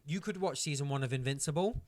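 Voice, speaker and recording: A man, co-hosting a casual podcast chat, excitable and swearing freely as he recounts scenes. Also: fairly high pitch, fast talker. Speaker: podcast co-host.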